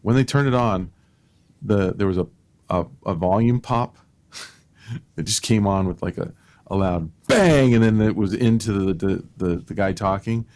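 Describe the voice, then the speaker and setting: A middle-aged man with a very low voice spins a casual story on a podcast. He restarts his sentences often and breaks into laughter at his own jokes. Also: moderate pace, a little mellow. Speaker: podcast co-host.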